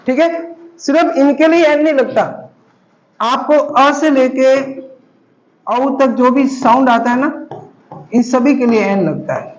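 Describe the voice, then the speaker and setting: High-voiced man teaching grammar, roomy. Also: darkish tone. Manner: patient, repetitive explaining, addresses students as beta. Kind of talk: classroom grammar lesson. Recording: roomy, dull lo-fi recording.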